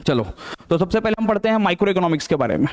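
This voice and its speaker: A man's voice: high-pitched, very animated, very fast. A male economics teacher with a Chhattisgarh Hindi accent, giving a live online class. He asks questions and answers them himself, repeats key terms and keeps checking that the students follow. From India.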